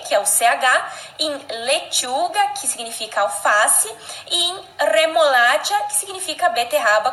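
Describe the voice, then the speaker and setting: High-voiced woman teaching in an echoey room. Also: a bit bright. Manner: clear, explanatory, addresses the learner directly. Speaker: language teacher. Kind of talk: scripted lesson narration.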